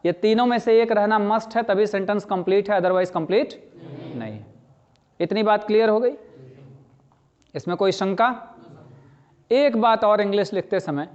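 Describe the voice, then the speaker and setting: Hindi-speaking male teacher with a high, lo-fi voice. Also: darkish tone. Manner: explains slowly, repeats key phrases, asks students questions. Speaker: language teacher. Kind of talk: classroom lecture. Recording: slightly dull lo-fi sound.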